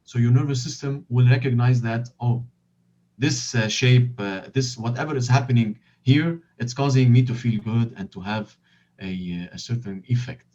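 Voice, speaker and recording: The recording is lo-fi and heavily compressed, taking the edge off a man's medium-pitched voice. He is a non-native English speaker answering as an interview guest. His explanations come haltingly, with repeated phrases as he searches for the next word. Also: a little mellow. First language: not English. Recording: dull, compressed lo-fi audio.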